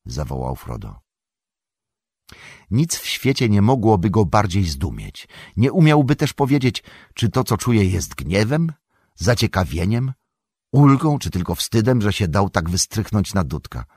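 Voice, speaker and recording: A man narrating an audiobook in a deep, husky voice. His pitch moves a lot as he tells the story expressively, and the sound is dry and close. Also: very animated, unhurried, a little mellow, no echo. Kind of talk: scripted narration.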